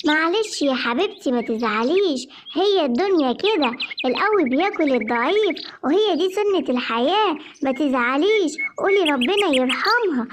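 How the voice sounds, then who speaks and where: Performer as a calm neighbor offering condolences, Egyptian accent, noisy track. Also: high voice, normal speed. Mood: consoling. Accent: Egyptian Arabic. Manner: soothing, pious. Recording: clear background noise.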